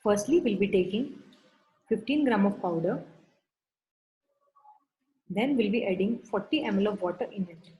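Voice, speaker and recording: A woman's voice: mid-range voice, lively intonation, normal speed, pauses often, warm tone, rough recording. A woman lecturing on dental materials, going through classifications step by step in a methodical, instructional way. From India.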